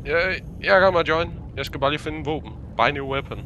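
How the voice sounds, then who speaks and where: High, giggly man on a noisy mic. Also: bright, forceful tone. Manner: giggly, squeals and shrieks in panic. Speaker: co-op gaming partner. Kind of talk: excited co-op gameplay chat.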